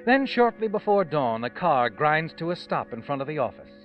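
A man's voice: on the high side, big pitch swings, normal speed, faint music behind. A man playing a sinister, all-knowing narrator who taunts the guilty in a 1940s radio suspense drama. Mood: sinister, taunting. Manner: taunting, knowing, theatrical second-person address. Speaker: story narrator. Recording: dull, lo-fi vintage radio recording.

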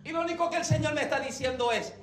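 Male preacher, very high pitch, animated storytelling sermon, echoey church hall. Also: very fast, faint music behind. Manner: animated storytelling, often calls out to the congregation.

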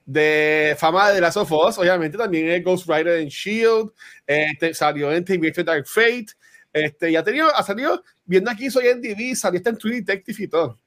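Puerto rican guy hosting a podcast, kinda high voice, excited and rambly, lots of um-fillers. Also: moderate pace. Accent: Puerto Rican Spanish. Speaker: podcast host. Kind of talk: casual chat.

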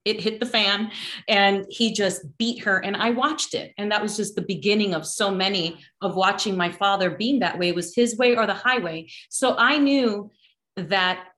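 A woman's voice: mid-range voice, moderate pace, fairly bright tone. A middle-aged woman from the Dominican Republic, talking earnestly about her life as a guest in a conversation, laughing often. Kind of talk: personal conversation. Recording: echoey room.

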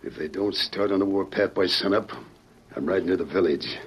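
An actor playing a scheming, ruthless gang boss in an old radio western, talking in a gruff, folksy, bossy way. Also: male voice, deep voice, brisk, lightly acted. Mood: menacing. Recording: muffled, noisy old radio recording.

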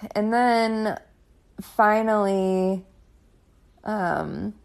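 A woman's voice: medium pitch, drawn-out words, vocal fry, darkish tone, smooth. A young woman telling her own story in a casual, chatty way, filling it with "like" and frustrated asides.

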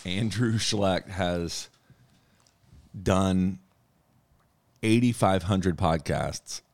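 A man's voice: deep voice, drawn-out words, darkish tone, a little hiss or hum. A male podcast co-host who talks eagerly and at length in casual sports chat. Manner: enthusiastic, talkative.

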